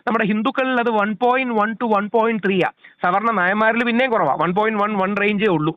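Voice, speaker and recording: High-voiced man, polite, over the phone. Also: fast, clear, resonant tone, dry recording. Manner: polite, deferential, calls the other man sir. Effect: heard over a phone line. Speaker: interviewer. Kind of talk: casual phone conversation.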